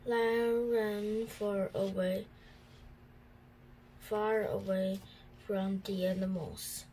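A woman reading a picture book aloud as a student, slowly and carefully with small slips. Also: medium pitch, flat delivery, warm tone, slight background noise, rough recording. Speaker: student reader.

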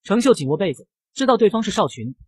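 A man narrating a comic recap in a brisk storytelling manner. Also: high voice, sing-song, a little mellow, breathy edge, dry recording.

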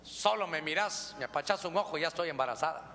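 A preacher voicing a boastful young wife in a teasing tone. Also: male voice, fairly high pitch, quick pace, bright, forceful tone, big-room sound, voice pushed down. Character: boastful young woman, Leah, fertile wife.

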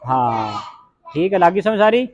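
In a lo-fi recording, a Gurbani pronunciation teacher speaks at normal speed in a high-pitched, sing-song voice with a Punjabi accent. He runs a classroom recitation lesson, sounding out scripture letters for the group to repeat.

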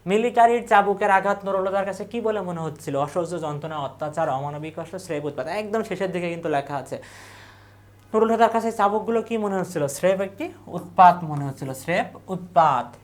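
A woman teaches an exam revision class, reading the options slowly in a list and repeating each answer. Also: lowish voice. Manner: reads options in a slow, falling list, then repeats the answer.

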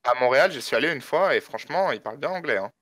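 A man's voice: mid-range voice, animated, quick pace, a bit bright, no echo. A man chatting casually with a teasing, rambling manner while playing a game. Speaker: game co-player. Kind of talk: casual gameplay chat.

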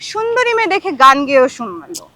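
A woman hosting a quiz show, teasing her guests in a quick, animated way. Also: very high-pitched. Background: background music.

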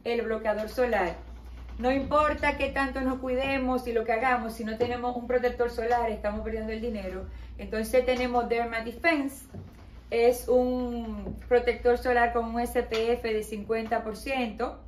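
A middle-aged woman with a Dominican Spanish accent explains her skincare products in an interview, in a steady promotional way with some hesitation fillers. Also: fairly high pitch, normal speed, a little hiss or hum. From Dominican Republic. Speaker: skincare company owner, interview guest. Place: small decorated showroom with balloons, indoors. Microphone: camera at a distance. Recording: roomy echo, voice from a distance.

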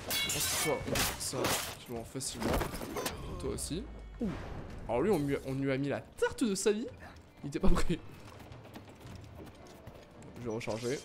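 Hyped-up guy doing let's play commentary with lots of mouth sound effects, game music going. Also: fairly high pitch. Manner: excitable, makes blaster sound effects. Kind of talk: gaming commentary.

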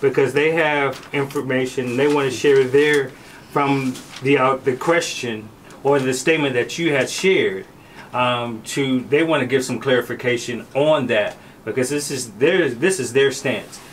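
Give me a calm man moderating a debate, with faint background noise. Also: mid-range voice, unhurried, rough recording.

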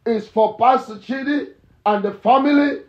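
A male pastor preaching a fervent morning sermon and prayer, repeating phrases and breaking into shouts. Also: extremely high pitch, moderate pace. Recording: echoey, dull lo-fi church recording.

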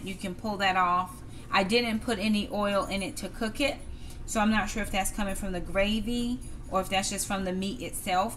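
A middle-aged cooking vlogger chats her way through a home-cooked meal, calling her viewers "y'all" in a relaxed, friendly manner. Her voice is ordinary in pitch and fairly bright, captured by a camera on the kitchen counter. Pans, dishes and cutlery clatter clearly in the background, along with slight background noise.

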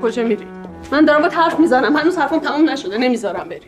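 A young woman in a TV drama, pleading with her cousin. Her voice sits high and insistent. A loud music score plays under her. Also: lively intonation. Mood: desperate. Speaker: actress in a TV drama. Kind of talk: TV drama acting.

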